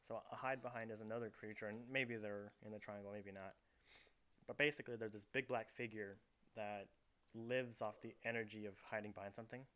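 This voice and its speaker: Fast-talking bright young man rambling. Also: lowish voice, steady tone, clear, resonant tone. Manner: rambling storyteller, heavy on fillers. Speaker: podcast host. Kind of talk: casual chat. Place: his bedroom. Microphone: camera set up in the room.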